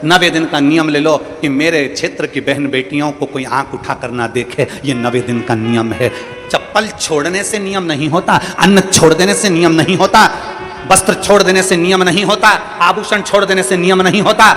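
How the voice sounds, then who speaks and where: A man's voice: a little high, steady tone, normal speed, long reverb tail. A man giving a devotional sermon as a religious storyteller, preaching in rhythmic repeated phrases. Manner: sings bhajan lines, then preaches in rhythmic repetitions.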